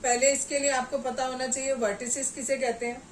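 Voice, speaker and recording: Lady teaching maths slow and patient, bit far from mic, faint hum behind. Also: high voice, level tone. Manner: patient, explains step by step, often asks "ठीक है" to check understanding. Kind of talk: classroom maths lesson at a board. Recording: roomy echo, voice away from the mic, faint background noise.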